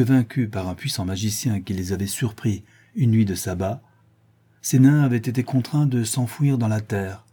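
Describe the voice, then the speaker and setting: A man narrating a novel in a measured, steady voice. His tone is low and mellow, with a husky grain. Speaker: audiobook narrator.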